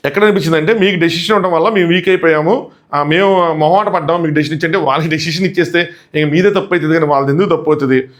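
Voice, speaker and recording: A man giving a casual commentary recap as a show reviewer, retelling fast and acting out quotes. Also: on the high side, fairly bright tone.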